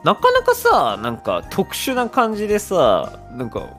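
A man's voice: high voice, huge pitch swings, a little slow, fairly bright tone, faint music behind. A man hosting a casual podcast chat, with jokey, exclamatory reactions. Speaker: podcast host.

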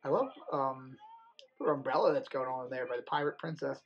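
A man's voice: medium pitch, brisk. A man co-hosting a podcast in casual chat, opinionated and joking in his commentary. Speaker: wrestling podcast co-host. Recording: dull, lo-fi audio.

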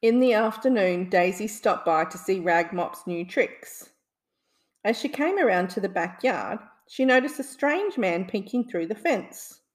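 Woman reading a gentle bedtime story. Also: medium pitch, expressive, unhurried. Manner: gentle, soothing.

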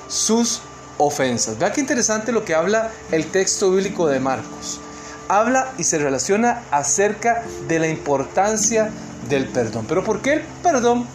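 A Costa Rican man giving an online seminar talk, earnest and emphatic, with many fillers and restarts. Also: sits high. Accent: Costa Rican Spanish. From Costa Rica. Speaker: seminar speaker.

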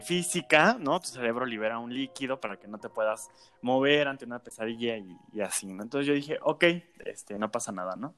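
A man with a Mexican accent tells a personal story in casual speech, packed with slang and fillers like "este" and "¿no?". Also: medium pitch. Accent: Mexican Spanish. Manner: animated, colloquial, filler-heavy with frequent "este" and "¿no?". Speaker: storyteller guest.

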